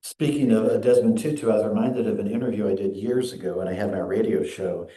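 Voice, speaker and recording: A man minister giving an earnest, measured sermon in a church. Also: on the low side, steady tone, mellow. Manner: earnest, measured preaching with quoted readings. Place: church sanctuary. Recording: echoey sanctuary.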